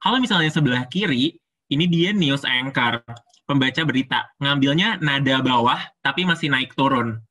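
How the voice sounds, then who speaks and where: A man's voice: medium pitch, moderate pace, sharp tone. A man, a public speaking coach giving a casual, chatty lesson step by step. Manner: chatty, explains step by step with frequent fillers.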